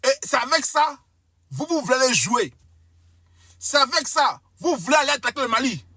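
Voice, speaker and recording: Bright-voiced emphatic woman. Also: sits high, animated, moderate pace, breathy edge, dry recording. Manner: emphatic, boastful, hyperbolic. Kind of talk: fervent commentary to viewers.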